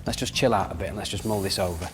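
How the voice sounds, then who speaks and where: A man's voice: deep voice, very fast, in a large hall, slight background noise. A man hosting a TV prank show, chatty and jokey as he presents to camera.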